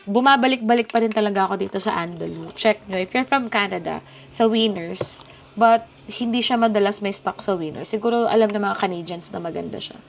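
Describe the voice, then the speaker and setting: A Filipina vlogger in her thirties chats casually in her home kitchen, mixing Tagalog and English. Her mid-range voice is brisk and gravelly, recorded on a small handheld camera with a little hiss or hum and background music.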